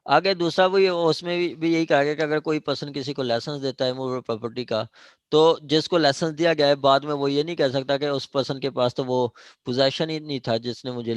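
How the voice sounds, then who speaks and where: A law lecturer at a judicial academy, a man with a Pakistani accent and a mid-range voice, gives an informal lecture explaining step by step. He repeats himself, checks in often with check phrases, and switches between Urdu and English legal terms. The recording is dry.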